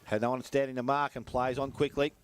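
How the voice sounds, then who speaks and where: An Australian man giving rapid running play-by-play commentary on a local football match. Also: medium pitch, flat delivery, slight background noise.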